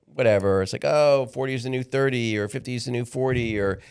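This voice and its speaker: A man's voice: medium pitch, vocal fry, darkish tone, clean tone. A man of sixty, a podcast guest talking candidly in a casual interview, often restarting his sentences. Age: 60s. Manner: candid, halting, repeats words when restarting.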